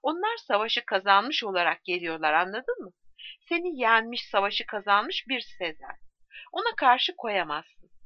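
A woman's voice: fairly high pitch, no room sound. A woman voicing a crude, teasing male soldier who mocks and taunts, in a slightly dull recording. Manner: sneering, taunting. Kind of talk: audiobook reading.

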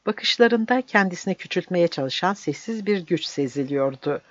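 Steady audiobook narrator. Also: medium pitch, moderate pace, dry recording. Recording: dull dry recording.

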